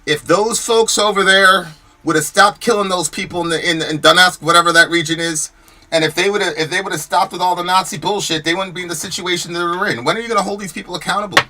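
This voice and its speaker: A high, bright, forceful voice with a steady tone and fast pace belongs to an American man hosting a podcast. He gives heated, emphatic commentary on chat comments, full of rhetorical questions, repeating himself and restarting once he is worked up.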